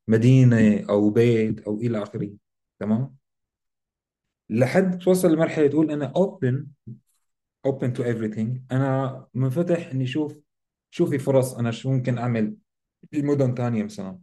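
A man's voice: mid-range voice, warm tone. A man with a Levantine Arabic accent explains ideas in casual discussion as a co-host, often checking in with short tag questions.

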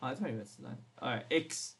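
A man's voice: medium pitch, lively intonation, fast talker, gravelly, fairly bright tone, husky. A young man co-hosting a casual podcast chat, playful and teasing, swearing often. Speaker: podcast co-host.

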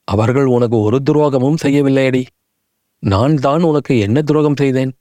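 A man's voice: mid-range voice, dark tone, dry recording, studio quality, close to an everyday voice. A man reading the anguished, pleading thoughts of an aging king who is terrified of a ghost, in an audiobook. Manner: pleading, anguished inner cry.

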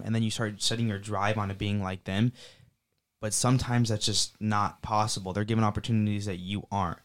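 A young man rattles off his thoughts quickly in an earnest, filler-laden way. His voice sits low and stays fairly level, with a smooth, clean tone. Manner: earnest, rapid, full of fillers. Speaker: student panelist. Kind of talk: casual panel discussion.

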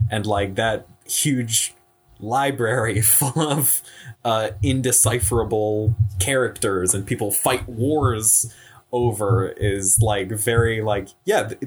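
Slow, low-voiced young man musing. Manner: slow, searching, filler-heavy. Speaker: student in a class discussion. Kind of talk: casual discussion.

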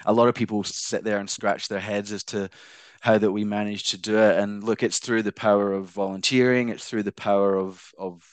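A man from Glasgow with a softened Scottish accent, answering interview questions conversationally in a hesitant way with careful enunciation. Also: lowish voice, flat delivery, brisk, clean tone, no echo. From Glasgow, Scotland. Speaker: founder of a not-for-profit, interview guest.

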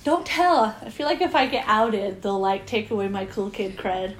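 A woman's voice: mid-range voice, normal speed, a little hiss or hum. A woman co-hosting a casual chat, joking and self-deprecating as she talks. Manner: jokey, animated, self-deprecating.

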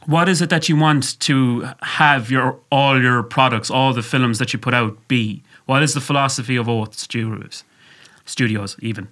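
Male podcast host, west of Ireland accent, bright punchy voice, jokey and sweary casual interviewing. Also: mid-range voice, normal speed. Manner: jovial, sweary banter.

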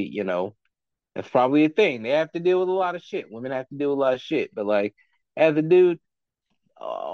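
A man sits in as a guest on a casual podcast and rambles through blunt, profanity-laced opinions. His voice sits at a middle pitch. The recording is dry and somewhat dull, with a lo-fi edge. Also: no room sound. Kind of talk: casual chat.

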